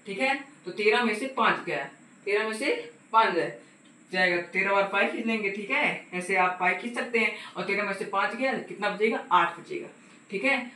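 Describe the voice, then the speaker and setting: A man with a high, bright voice tutors math in a casual, step-by-step lesson, recorded from a distance in an echoey room with faint hiss. He is patient, asks the viewer questions, and keeps saying "ठीक है".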